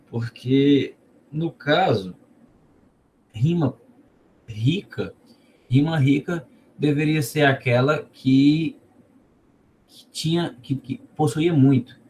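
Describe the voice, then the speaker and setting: A man with a Northeastern Brazilian accent leads an informal online class at an ordinary, mid-range pitch. He asks the students questions and repeats words while he explains. A faint background noise runs under his voice. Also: slow, pauses often, darkish tone. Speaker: teacher of a cordel literature course.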